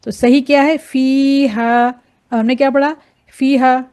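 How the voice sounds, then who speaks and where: Woman teacher, fairly high voice, patient, slow careful repetition of example words. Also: fairly even intonation, a little mellow. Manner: patient, repeats and contrasts example words slowly. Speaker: Quran recitation teacher. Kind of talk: explaining pronunciation rules with examples.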